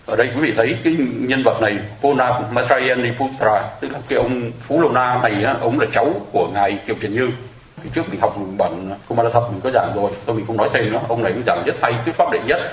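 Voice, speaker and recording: A man's voice: mid-range voice, quick pace. A man giving a chatty, explanatory Buddhist sutra lecture to a congregation, with small laughs now and then. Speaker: Buddhist dharma teacher. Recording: echoey room.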